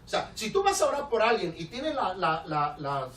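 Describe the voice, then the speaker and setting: A man with a Mexican accent preaching a storytelling sermon as a pastor, animated and laughing, acting out the people in his story. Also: high voice, normal speed. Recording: roomy, distant church recording with background noise.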